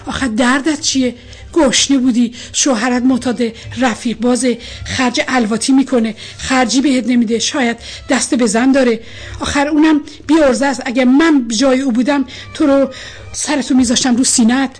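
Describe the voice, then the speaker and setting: A woman's voice: high-pitched, fairly even intonation, slightly rough. A woman voicing an angry, stern older male colonel who scolds his daughter in a storybook reading. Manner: shouting, scolding.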